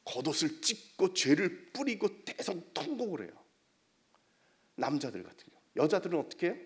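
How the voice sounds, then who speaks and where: High-voiced Korean preacher, loud then whispering. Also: male voice, huge pitch swings, brisk. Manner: swings between loud emphatic declarations and hushed near-whispers; asks the congregation questions, then answers them. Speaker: guest preacher, professor. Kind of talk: evening church sermon.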